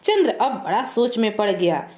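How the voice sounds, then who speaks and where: A woman telling a folk tale as scripted narration, steady and clear. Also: medium pitch, moderate pace, reverberant. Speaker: storyteller.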